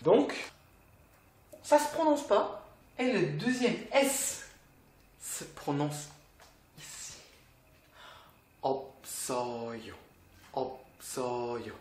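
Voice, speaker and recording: Slow, patient language teacher. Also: medium pitch, a little mellow, roomy sound, a little hiss or hum. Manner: patient, asks the viewer questions. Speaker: Korean teacher. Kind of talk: language lesson.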